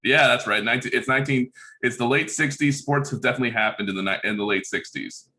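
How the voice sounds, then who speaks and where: Guy doing a rambly sixties dad in improv, bright voice, um uh everywhere. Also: medium pitch, fast, lightly acted. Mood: rambling. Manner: rambling, full of fillers, giggly. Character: man stuck insisting it is the late sixties, a dad. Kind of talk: improv comedy scene.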